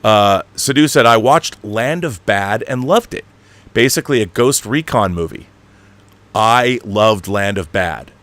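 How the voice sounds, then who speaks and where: A man with a fairly low, expressive, fairly bright voice talks at a measured pace. He hosts a casual online livestream, rambling through monologue and chat reading with emphatic, opinionated fan enthusiasm and the odd casual swear.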